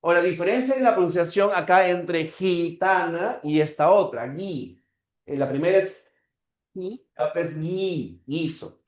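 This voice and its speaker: Male teacher, fairly high voice, slow drawn-out example words, frequent check-ins, roomy echo. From Peru. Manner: checks in with the class with short tags. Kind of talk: classroom lecture.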